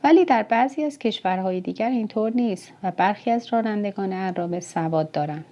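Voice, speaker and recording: A woman voicing a calm young foreign male chariot driver in an audiobook, reading his lines plainly and evenly. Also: medium pitch, close to an everyday voice. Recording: dull, muffled audiobook recording.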